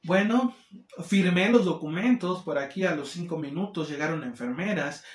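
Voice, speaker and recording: A man with a Mexican accent telling a casual storytime, animated and acting out the people he quotes. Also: fairly high pitch, moderate pace. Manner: animated, acts out quoted people in shifting voices. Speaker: vlogger. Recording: roomy echo.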